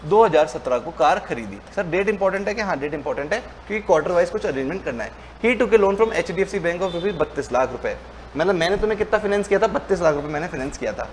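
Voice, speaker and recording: Teaching a commerce class, a man talks colloquially in Hindi sprinkled with English terms. He role-plays both sides of the lesson, shifting his pitch to voice a student's questions before answering them himself. There's a little hiss or hum on the recording.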